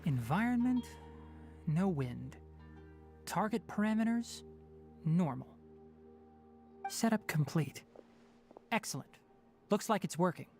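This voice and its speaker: A man playing a composed, precise young forest researcher in a video game, explaining things in a crisp, matter-of-fact way. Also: high voice, sing-song, slow, pauses often, darkish tone, faint music behind, heavily acted. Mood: focused. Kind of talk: video game character acting.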